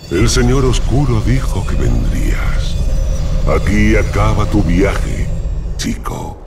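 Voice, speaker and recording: An actor playing a gloating demon dark lord in a fantasy game, theatrical and menacing, with game sound behind him. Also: male voice, fairly low pitch, very animated, slow, gravelly, over loud music, full character voice. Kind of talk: scripted fantasy game acting.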